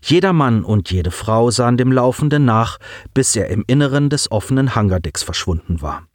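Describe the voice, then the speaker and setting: Lively male audiobook narrator, dry sound. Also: mid-range voice, moderate pace, no echo. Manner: expressive, lively reading.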